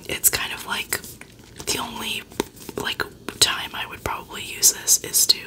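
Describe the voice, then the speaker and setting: A woman in her twenties gives a casual ASMR chat entirely in a hushed whisper. Her delivery is unhurried, with pauses between short phrases. The breathy, voiceless sound sits close to the microphone. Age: 20s. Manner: whispering throughout, unvoiced and hushed. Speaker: ASMR video host. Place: small dim bedroom, indoors.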